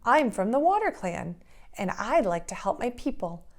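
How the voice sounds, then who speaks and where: Teacher voicing Snail Girl: tiny, squeaky, timid storybook child, slightly gravelly underneath. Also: very animated, moderate pace. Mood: earnest. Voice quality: small squeaky voice.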